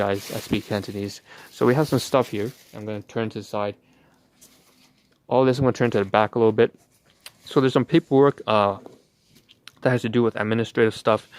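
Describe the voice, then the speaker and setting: With a low-leaning voice and no echo in the audio, a man narrates a rambling vlog-style livestream as he goes through paperwork. His wording is wordy, hesitant, and a touch formal.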